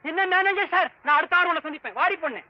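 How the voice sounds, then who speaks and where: A man's voice: very high-pitched, expressive, racing, no echo. An actor playing a blustering, demanding older father of a young actress. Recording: muffled old film soundtrack.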